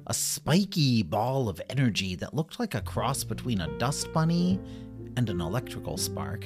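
A man hosting a podcast and narrating a children's story in an animated, playful way. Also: medium pitch.

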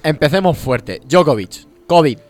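A man's voice: a little high, animated, a little slow, faint music behind. A young man co-hosting a casual podcast, teasing his friends. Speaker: podcast co-host. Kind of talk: casual chat.

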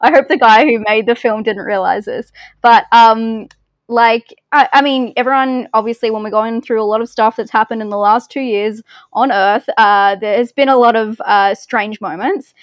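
A woman's voice: fairly high pitch, normal speed, dry recording. Chatty Australian woman, dry close sound. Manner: chatty and self-deprecating, laughs often. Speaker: film reviewer guest. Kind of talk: casual interview chat.

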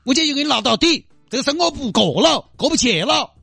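A man's voice: very animated, fast, gravelly, pushed and bright, no echo, studio quality, faint music behind, heavily acted. A man voicing a quarrelsome young wife who nags and scolds with a Sichuanese accent. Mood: defiant. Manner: shrill, scolding, argumentative. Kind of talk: comedy sketch acting.

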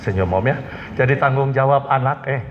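A man's voice: medium pitch, a little fast, background noise. A man with a Manado Malay accent preaching a humorous sermon, joking and quizzing the congregation with call-and-response questions. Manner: joking, animated, keeps addressing the congregation. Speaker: pastor. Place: church hall. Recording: dull sound with long hall reverb.

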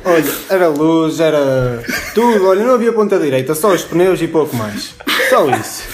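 A man's voice: a little high, sing-song, moderate pace, slight background noise. A young man with a European Portuguese accent, telling a story in casual podcast chat, laughing often and swearing freely. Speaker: podcast co-host.

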